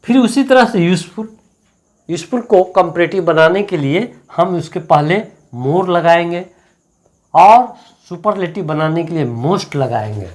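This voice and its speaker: A male English teacher with a Hindi accent, explaining grammar rules slowly and repeating each word to drill it. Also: high-pitched, animated, a little mellow. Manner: slow, deliberate, repeats words to drill them. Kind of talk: classroom grammar lesson.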